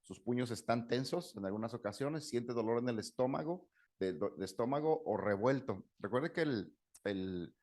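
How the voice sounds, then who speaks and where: A middle-aged psychologist gives a conversational lecture on anger, full of anecdotes, speaking at a moderate pace in an animated, medium-pitched, slightly mellow voice. He acts out quoted dialogue and keeps checking in with "¿no?".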